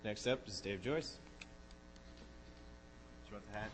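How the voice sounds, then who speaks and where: A man reading out findings hesitantly, with many ums and frequent throat clearing. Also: fairly low pitch, unhurried, big-room sound, background noise. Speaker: medical student presenter. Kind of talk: class case presentation.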